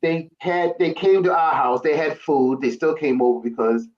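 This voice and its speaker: A man's voice: fairly high pitch, normal speed, darkish tone, lo-fi sound. A man from Brooklyn, a guest in a casual chat, talking and telling stories in a plain, colloquial way. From Brooklyn, New York.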